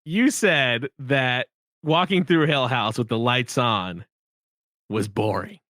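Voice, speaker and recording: A man's voice: medium pitch, slow pace, fairly bright tone, no room sound, clean studio sound. A young man as a podcast guest, chatting animatedly and emphatically, laughing often. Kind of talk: casual podcast chat.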